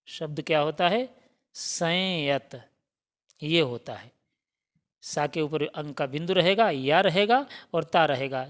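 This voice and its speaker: A man's voice: a little high, a bit bright. A man teaching a Hindi spelling lesson for exam students, drilling each word by asking it and answering it himself. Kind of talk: exam-prep grammar lesson.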